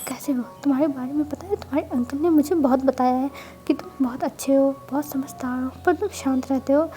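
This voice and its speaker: A gentle, soft-spoken young man from a spoken fanfiction story, as a woman narrator puts him on. His voice is high and mellow, quiet and hesitant. He stays earnest and never rough. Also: steady tone, a little fast, natural voice.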